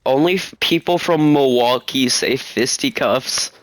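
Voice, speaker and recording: A man's voice: medium pitch, unhurried, no echo. A young man chatting casually while gaming, teasing and laughing often. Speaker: gamer. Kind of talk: casual game chat.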